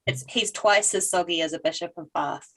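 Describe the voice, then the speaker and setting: A woman on a comedy panel, explaining jokes and facts in a quick, playful way. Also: lowish voice, fairly bright tone, a little hiss or hum. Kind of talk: casual comedic banter.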